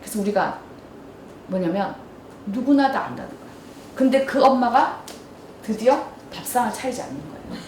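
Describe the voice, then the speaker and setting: A woman lecturer telling everyday stories and asking her audience questions in a lively talk. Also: fairly high pitch, moderate pace, pauses often, a little hiss or hum. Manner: storytelling, asks the audience questions. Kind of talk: lively lecture with acted dialogue. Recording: roomy hall from far off.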